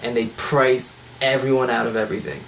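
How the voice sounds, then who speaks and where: A man's voice: mid-range voice, fairly even intonation, brisk, gravelly, a bit bright, a little hiss or hum. A man hosting a casual podcast chat over a voice call, blunt and wisecracking as he runs the show. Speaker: podcast host. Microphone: voice call microphone.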